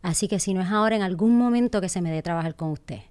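A woman's voice: fairly low pitch, quick pace. A woman in her thirties from Puerto Rico with a Puerto Rican accent, a guest telling a story in casual chat and acting out what people said. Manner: animated, laughs often, acts out quotes.

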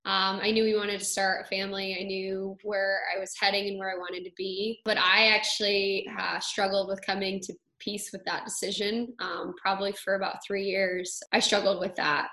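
Woman coach, ex-player, bright voice, halting and thoughtful, roomy echo on the recording. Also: mid-range voice. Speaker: former player turned coach. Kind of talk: casual podcast conversation. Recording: echoey roomy sound.

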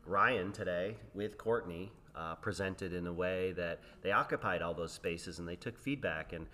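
A man's voice: deep voice, moderate pace, pushed and bright. A man, an educator, talking casually and reflectively with colleagues at a conference. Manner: reflective, then jokey and laughing. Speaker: educator, podcast guest. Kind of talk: casual chat. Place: conference venue.

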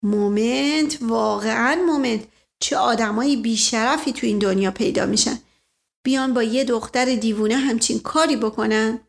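A woman's voice: on the high side, gravelly. Woman doing a blustering worldly nobleman. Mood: indignant. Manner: theatrical, exclaims "momento" as a catchphrase. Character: flirtatious middle-aged nobleman, blustering and worldly.

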